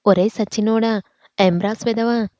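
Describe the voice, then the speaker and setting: A woman's voice: fairly high pitch, fairly even intonation, mellow, dry recording, close to an everyday voice. A woman voicing a hot-tempered young working woman who scolds and snaps back. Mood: angry. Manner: scolding, quick retorts.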